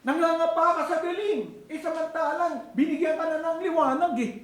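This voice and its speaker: A man's voice: extremely high pitch, steady tone, normal speed, a bit bright, roomy sound. A man with a Filipino accent preaching a sermon in a church, talking to the congregation in a conversational way and asking many rhetorical questions. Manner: switches between Tagalog and English, conversational preaching with rhetorical questions. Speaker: pastor.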